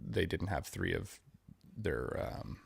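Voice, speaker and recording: A man's voice: deep voice, big pitch swings, takes it slowly, vocal fry, slightly rough. A man co-hosting a casual sports podcast, rambling with many fillers and restarts. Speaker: podcast co-host.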